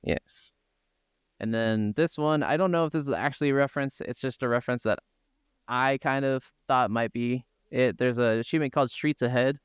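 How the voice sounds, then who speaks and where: A man of medium pitch and normal speed co-hosts a casual gaming podcast, his tone clean as he drops some offhand swearing into the chat. The sound is clean studio audio with no echo.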